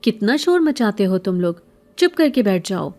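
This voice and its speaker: A woman's voice: mid-range voice, big pitch swings, a little mellow. A woman voicing a middle-aged beggar woman in a horror story, pleading and sweet-sounding, later harsh and scolding. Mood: harsh angry.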